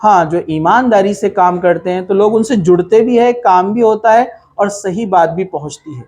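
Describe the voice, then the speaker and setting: A man's voice: high voice, darkish tone. A man giving a conversational religious talk, asking rhetorical questions and mixing in English words. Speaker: Islamic speaker.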